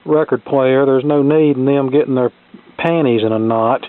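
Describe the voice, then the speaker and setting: A man with a mid-range voice talks at normal speed, giving casual, plainspoken, folksy commentary as he presents a radio repair at his workbench. The recording has a phone-like lo-fi sound, with music behind him from a tube AM radio playing.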